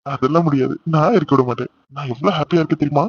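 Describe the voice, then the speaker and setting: Brief: a man voicing a quick, doting young cartoon husband, mid-pitched, dull lo-fi audio. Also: husky. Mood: teasing. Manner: excited, teasing and affectionate. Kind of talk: cartoon voice acting.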